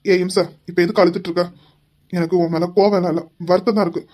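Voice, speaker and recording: In this audio drama, a man plays a devoted young husband who talks quickly in a mellow, mid-pitched voice. He is gently reproachful and explains things at length. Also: level tone, natural voice. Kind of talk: hobby audio drama acting.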